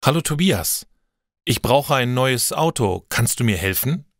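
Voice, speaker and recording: A man's voice: mid-range voice, expressive, a little slow, dry recording, clean studio sound. A man voicing an unsure young man asking a friend for advice about a car. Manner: questioning.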